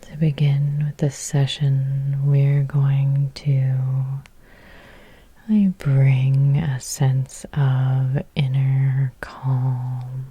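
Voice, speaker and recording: Close to the mic, a very deep-voiced woman whispers a breathy, soothing ASMR hypnosis guide with long pauses. Her delivery is gentle but flat, and the recording has no room sound.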